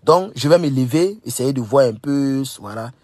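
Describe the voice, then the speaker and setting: A man's voice: mid-range voice, expressive, normal speed, a little mellow, no echo. A young man from Burkina Faso, talking straight to camera, emphatic, repeating phrases and scolding his listeners. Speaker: political commentator. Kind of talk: casual direct-to-camera monologue.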